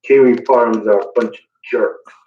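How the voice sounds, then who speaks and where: A man speaks casually with a British accent at an ordinary pitch. He sounds like he is on an online group call, with noticeable room echo and a muffled, low-fidelity sound. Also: fairly even intonation, moderate pace, dark tone, far from the mic, slight background noise. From Britain. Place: remote online voice chat.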